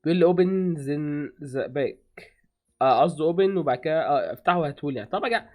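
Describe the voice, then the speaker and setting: A man with an Egyptian accent chatting casually as a gaming streamer, rattling off quick thanks to donors. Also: on the high side, animated, darkish tone. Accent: Egyptian Arabic. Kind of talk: casual game commentary.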